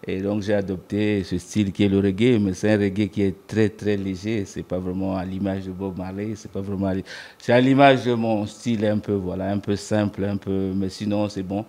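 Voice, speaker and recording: A man's voice: sits low, level tone, normal speed, warm tone. A man, a musician guest who speaks in an easygoing way and laughs now and then. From Republic of the Congo. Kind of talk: interview conversation.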